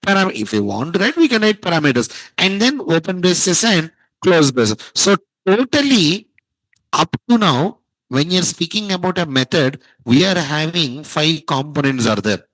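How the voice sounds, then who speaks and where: A man's voice: fairly high pitch, very animated, moderate pace, a bit bright, no room sound, poor audio. Guy teaching coding, keeps quizzing the class and repeating stuff, dry sound. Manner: quizzing students, repeats key terms. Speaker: programming teacher. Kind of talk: classroom lecture.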